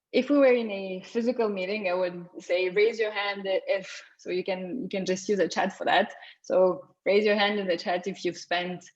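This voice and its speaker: Young Lithuanian-born woman presenting over video call, chatty and unpolished, mid-pitched. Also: a little mellow. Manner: conversational, with frequent restarts. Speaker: guest speaker. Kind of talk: online meetup talk. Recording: slightly dull video call audio.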